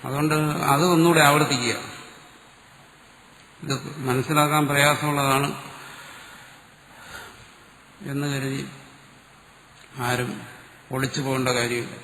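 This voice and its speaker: A swami teaching scripture to his class. His voice is gravelly and sits at a middle pitch, and his manner is wry and teasing, pressing points home by repeating them. The sound is a roomy hall recording with a long echo. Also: little pitch movement, slow, long pauses, pushed and bright, a little hiss or hum. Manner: wry, teasing, repeats key words for emphasis. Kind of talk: spiritual discourse to a class.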